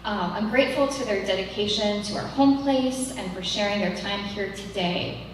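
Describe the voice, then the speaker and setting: A woman's voice: mid-range voice, normal speed. Woman moderator in an echoey hall. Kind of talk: live panel introduction. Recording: echoey hall, distant, noisy.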